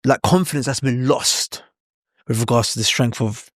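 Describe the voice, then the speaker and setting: A man's voice: medium pitch, fairly even intonation, moderate pace, dry recording, clean studio sound. Casual male podcast host. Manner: casual, hesitant questions with fillers. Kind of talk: interview.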